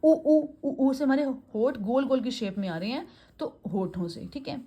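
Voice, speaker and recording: Female teacher, slightly high voice, runs a classroom-style grammar lesson and answers her own questions. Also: animated, warm tone, slightly rough. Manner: drills sounds by repeating them slowly; mixes Hindi with English phrases.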